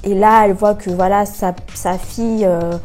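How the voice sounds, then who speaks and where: A woman's voice: mid-range voice, steady tone, moderate pace, darkish tone, soft background music. A young woman telling a personal story in a casual vlog, full of fillers and acting out her own thoughts. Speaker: vlogger.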